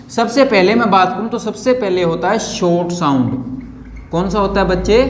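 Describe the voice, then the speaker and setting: Casual guy teacher, high voice, keeps quizzing his kids, roomy echo. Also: a little mellow. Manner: repeats and quizzes students, chatty and playful. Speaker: English teacher. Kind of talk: informal online lesson. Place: home room recording himself on camera. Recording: echoey room.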